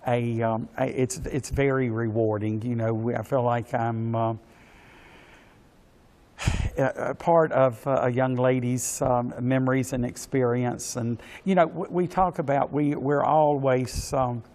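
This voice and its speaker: Halting man in his sixties. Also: medium pitch, steady tone, darkish tone. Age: 60s. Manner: halting and hesitant, with many pauses and repeated words. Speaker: interview guest, pageant organization official. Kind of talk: polite spoken interview answers.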